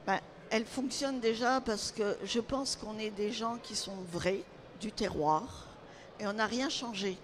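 A woman's voice: fairly high pitch, a little slow. An older woman from Lorraine, a retired baker, proudly describing her family's traditional products in a casual interview at a trade fair stand, speaking into a handheld mic. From Lorraine, France. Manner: proud, storytelling about family recipes. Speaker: baker and caterer, retired owner. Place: trade fair stage, indoors.

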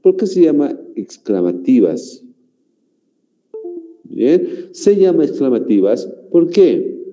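Slow, dark-voiced male grammar teacher. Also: medium pitch, sing-song, dull audio, faint music behind. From Bolivia. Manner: slow, repetitive teaching with constant "¿no?" and "muy bien" checks. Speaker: language teacher. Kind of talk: classroom grammar lesson.

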